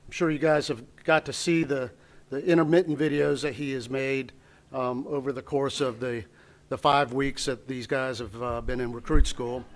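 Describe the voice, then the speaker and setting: A man's voice: mid-range voice, steady tone, normal speed. A man from the training staff acting as emcee at a graduation ceremony, introducing the next segment with many restarts. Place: ceremony hall.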